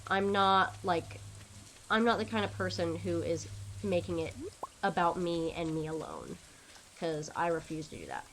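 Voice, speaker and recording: A young woman chatting casually on a gaming stream, excitable and rambling with lots of fillers. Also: fairly low pitch, moderate pace, a little hiss or hum.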